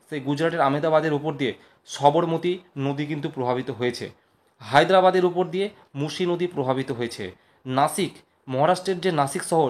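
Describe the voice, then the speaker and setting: Male quiz tutor with a somewhat high voice, drilling answers over and over in a casual class. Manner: repetitive, drills points, self-correcting, addresses listeners as sir. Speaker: exam coaching teacher. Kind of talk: informal recorded lesson.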